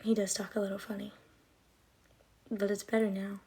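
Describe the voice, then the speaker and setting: A woman in her twenties chats on a livestream, answering comments in a rambling manner packed with likes and ums, along with a slight lisp and trouble with her R's. Her mid-range voice barely moves in pitch and comes at a moderate pace, creaky, a little mellow and slightly rough.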